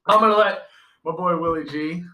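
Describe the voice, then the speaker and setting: A man's voice: fairly high pitch, normal speed, bright, forceful tone. A man bantering casually and bluntly as a podcast co-host. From New York. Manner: blunt, sweary, incredulous. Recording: roomy echo, distant mic.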